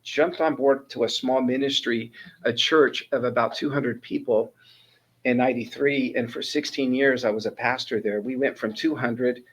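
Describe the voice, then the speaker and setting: A man in his sixties from Northern California, USA, with a husky mid-range voice, appears as an interview guest on a low-quality recording. A ministry mentor coordinator, he earnestly shares his life story and personal testimony in casual talk, often restarting his sentences.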